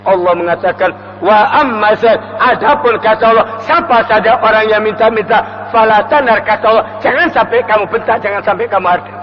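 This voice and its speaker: A man's voice: high-pitched, brisk. A man preaching a mosque lecture with an East Javanese accent. He recites Arabic verses and then explains them in a homely, joking way. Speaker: Islamic preacher. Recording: reverberant hall, dull sound, faint mains hum.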